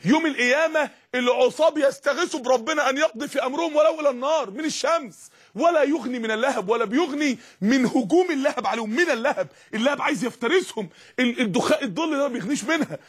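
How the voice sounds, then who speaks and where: A man with an Egyptian Arabic accent preaching a sermon in an impassioned voice that rises to shouts. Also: very high-pitched, rapid-fire, breathy edge.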